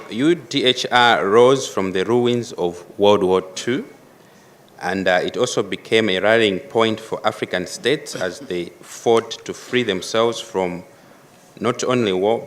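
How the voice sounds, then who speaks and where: A man delivers a formal conference address in a somewhat low voice. He speaks in a measured way, pausing to stress key phrases with deliberate emphasis. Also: fairly bright tone. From Malawi. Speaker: panel speaker.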